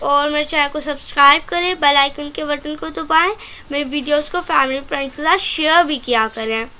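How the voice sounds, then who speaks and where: A woman with a Pakistani Urdu accent teaching an online language lesson, slowly repeating each vocabulary word and calling her viewers friends. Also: high-pitched, pushed and bright. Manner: slow, careful repetition of vocabulary.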